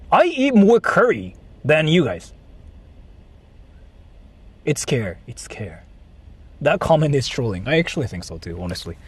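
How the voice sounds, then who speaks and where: A Japanese man hosting a livestream chats casually with his viewers, rambling, repeating himself and swearing now and then. His voice is a little high and husky.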